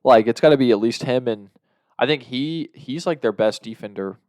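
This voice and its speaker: A young man co-hosting a podcast, chatting casually about basketball, excitable and swearing freely. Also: mid-range voice, moderate pace, dry recording, studio quality. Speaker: podcast co-host. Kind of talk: casual sports chat.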